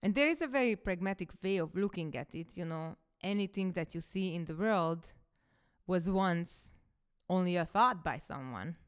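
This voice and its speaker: Speaking at a moderate pace in an expressive, smooth voice on the low side, a Hungarian-native woman in her thirties who coaches and podcasts reflects casually on her own story.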